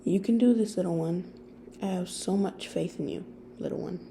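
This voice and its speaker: A tough but tender mother, a trained fighter, reassuring her child in a low, soft voice in a storybook reading, put on by a woman narrator. The tone is mellow with a touch of vocal fry. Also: moderate pace, slight background noise.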